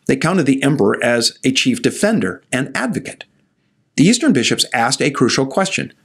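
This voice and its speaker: A man's voice: medium pitch, slightly rough. A man in his sixties, a pastor, teaching church history to camera in a scripted, storytelling way with asides to the viewer, recorded on a studio mic in a study. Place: indoor study with bookshelves. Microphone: studio mic in front of him.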